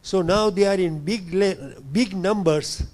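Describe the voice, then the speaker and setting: An older man from Tanzania speaks up from the audience in a somewhat high voice for a man. He talks hesitantly and keeps pausing to gather his words. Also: a little mellow. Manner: hesitant, fills pauses with "you know". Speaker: audience member asking a question.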